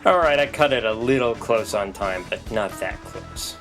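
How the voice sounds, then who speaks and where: Low-voiced man rambling over gameplay. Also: animated, moderate pace, a bit bright, faint music behind. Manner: rambling, full of ums and restarts. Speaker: let's play commentator. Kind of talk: casual gameplay commentary.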